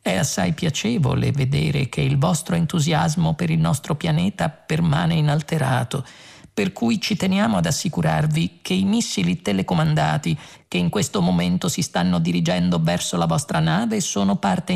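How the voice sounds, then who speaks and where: A man's voice: sits high, gravelly, a little mellow, pitched above the performer's own voice, exaggerated voice. A man voicing a coldly polite, menacing recorded announcement from a planet, read in an audiobook.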